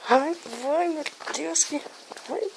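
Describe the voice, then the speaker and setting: A woman, talking in baby talk to her dog at home with high-pitched cooing that shifts into soft soothing. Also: slow pace, gravelly, very noisy. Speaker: dog owner.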